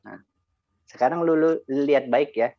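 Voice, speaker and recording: An insurance agent tells a story at a motivational sharing session in an unhurried, medium-pitched voice with vocal fry. He uses casual slang and acts out both sides of a conversation. The sound is lo-fi with no room sound.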